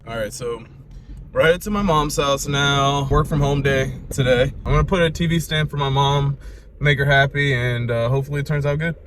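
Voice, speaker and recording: A man's voice: medium pitch, moderate pace, fairly bright tone, a little hiss or hum. A man chatting casually in a vlog at his mother's house, assembling furniture and talking to his dog. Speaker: vlogger.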